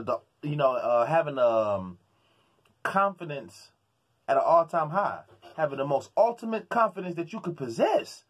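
A man's voice: fairly high pitch, breathy edge. A man from Houston, Texas, ranting about sports as a vlogger in a fired-up, slangy way, often stammering and repeating words. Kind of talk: sports commentary rant.

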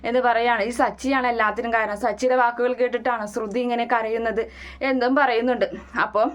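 A woman's voice: fairly high pitch, little pitch movement, quick pace, clear, resonant tone. A woman casually recapping a TV serial episode in a run-on retelling, quoting the characters' lines as she goes.

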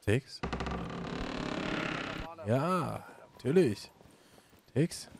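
A man's voice: medium pitch, animated, drawn-out words, vocal fry, heavily acted. A man playing an agitated, foul-mouthed prisoner in improvised online role-play, blunt and exasperated. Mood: uneasy. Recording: game audio with noise and clicks.

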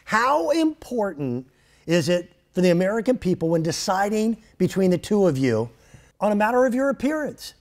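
A man plays a mock-serious news debate moderator in a comedy sketch. His voice is fairly high and very animated, yet composed, with drawn-out words for solemn emphasis. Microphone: lapel mic.

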